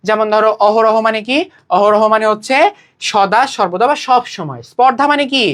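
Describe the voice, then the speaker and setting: A woman's voice: a little high, brisk. A woman teaching a grammar class for an admission exam, speaking. She asks questions and answers them herself. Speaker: admission test Bangla tutor. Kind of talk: online exam-prep lecture.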